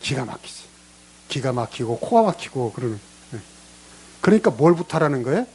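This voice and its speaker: A man's voice: medium pitch, a little fast, slight background noise. A man preaching a sermon as a pastor in a church, acting out prayers and God's replies in different voices. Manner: lively preaching, acts out prayers in character voices. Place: church sanctuary.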